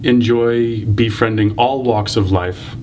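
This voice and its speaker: A man in his thirties interviewing someone in an elevator, teasing and playful with rapid questions. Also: mid-range voice, fairly even intonation, background noise. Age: 30s. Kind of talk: casual interview.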